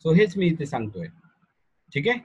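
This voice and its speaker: A male programming teacher with a Marathi accent giving an online class over a video call, quizzing students and dictating notes slowly. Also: on the high side, wildly swooping pitch, breathy edge, no echo, poor audio.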